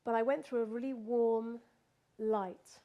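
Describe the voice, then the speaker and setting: A woman's voice: on the high side, fairly even intonation, measured pace, phone-quality sound. A woman recounting a personal experience in casual spoken storytelling, laughing often and restarting her sentences.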